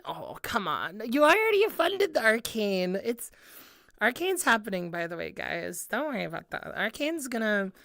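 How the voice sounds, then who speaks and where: A woman's voice: mid-range voice, creaky, dry recording, studio quality. Bubbly young woman, cute anime-streamer style. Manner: excitable, giggly, rambling. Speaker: music streamer, VTuber. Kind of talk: casual livestream chat with viewers.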